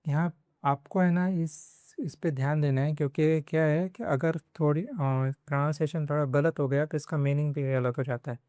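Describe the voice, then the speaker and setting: A man's voice: fairly high pitch, fairly even intonation, normal speed, hardly any pauses, warm tone, clear, resonant tone, no room sound. A man teaching a pronunciation lesson in Hindi, repeating each example word several times. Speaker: Spanish teacher.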